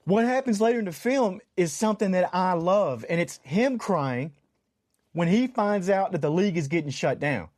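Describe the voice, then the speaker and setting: A man co-hosting a casual podcast, with a notably high voice for a man. He talks earnestly and often repeats words while working toward a point. The sound is close and dry. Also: animated, normal speed, darkish tone, no room sound. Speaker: podcast co-host. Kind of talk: casual chat.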